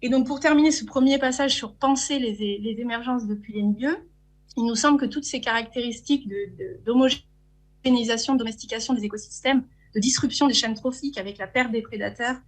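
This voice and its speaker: A woman's voice: a little high, brisk. A woman with a French accent giving an academic conference talk from slides, hesitant, with frequent fillers and restarts. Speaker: conference speaker.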